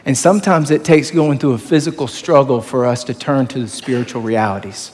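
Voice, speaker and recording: A man preaching a sermon as pastor, telling stories in a conversational, animated way to his congregation. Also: mid-range voice, a little fast, slight background noise. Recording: long hall reverb.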